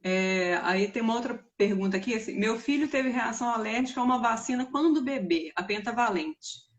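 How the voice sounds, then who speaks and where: Brazilian woman interviewer, slightly high, relaxed mom sharing stories, coughing. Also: brisk. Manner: relaxed, conversational, shares personal stories. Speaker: interviewer, mother. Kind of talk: casual interview chat.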